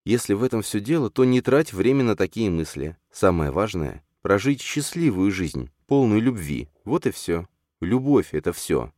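A man voicing a gentle mother who calms and reassures her young son, in an audiobook read aloud. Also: fairly low pitch, moderate pace, dry recording, studio quality, pitched above the performer's own voice. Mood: soothing. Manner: tender and reassuring.

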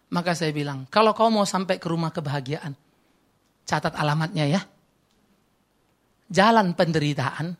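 A pastor preaches a sermon in a slightly high voice, telling stories filled with quoted dialogue. He swings between loud exclamations and quiet, confiding asides.

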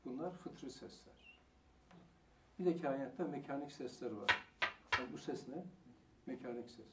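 A man giving a religious lecture, asking rhetorical questions and answering them himself, and stressing single words slowly. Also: medium pitch, expressive. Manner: slow, deliberate emphasis on single words. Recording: echoey room, mic far off, faint hiss.

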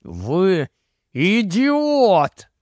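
A man's voice: fairly high pitch, expressive, unhurried, dry recording, studio quality. A man voicing an irate, blunt scientist who scolds the council. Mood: furious. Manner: angry, blunt.

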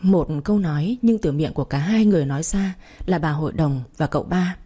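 Casual: woman reading a story in first person, low breathy voice. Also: a little fast, warm tone. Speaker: narrator.

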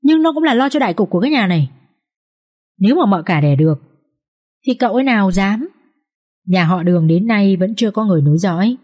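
A woman's voice: mid-range voice, animated, fast talker, pauses often, a little mellow, close to an everyday voice. A woman voicing the harsh, domineering matriarch of a wealthy family in a storybook reading, scolding and threatening her daughter-in-law in an imperious tone. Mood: stern.

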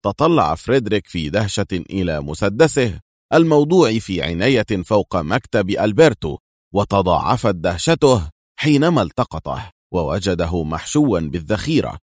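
A man narrating a story in a steady, dramatic audiobook style. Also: deep voice, no room sound, clean studio sound.

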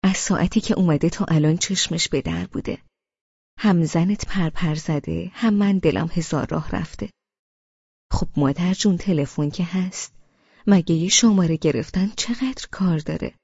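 A woman's voice: lowish voice, gravelly, breathy edge, no room sound, lo-fi sound. A woman voicing a fretful, motherly older woman. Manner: gentle scolding.

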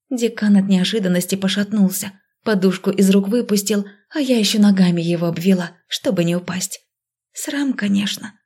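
A woman's voice: medium pitch, darkish tone. Woman narrating an audiobook. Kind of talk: first-person audiobook narration.

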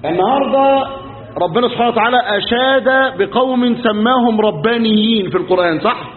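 Egyptian sheikh preaching fast, acts out the stories, tinny lo-fi sound with a big hall echo. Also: male voice, very high-pitched, slight background noise. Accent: Egyptian Arabic. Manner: colloquial storytelling, acting out dialogue, emphatic rhetorical questions. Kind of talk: sermon. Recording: echoey hall, phone-like lo-fi sound.

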